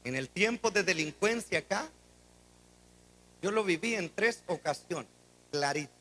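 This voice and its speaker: A man preaching a dramatic sermon as pastor, swinging between shouts and quiet asides. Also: high voice, lively intonation, a little slow. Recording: long hall reverb.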